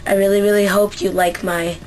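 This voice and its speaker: A young Central Canadian woman with a Canadian accent vlogs casually for a dialect survey, talking fairly quickly at medium pitch in a level, darkish tone. She's hesitant, with frequent fillers and restarts, and the low-quality audio has a little hiss or hum.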